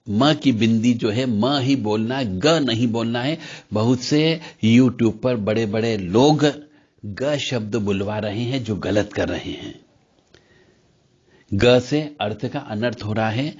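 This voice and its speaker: A man's voice: on the low side, breathy edge, dull audio. A man teaching how to pronounce mantras in an explanatory talk, chanting examples between his explanations. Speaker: spiritual teacher.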